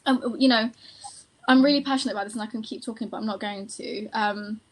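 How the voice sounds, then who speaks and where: A woman's voice: a little high, brisk, poor audio. A woman from Iran telling a personal story in a panel conversation, passionate, with many fillers. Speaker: panel guest.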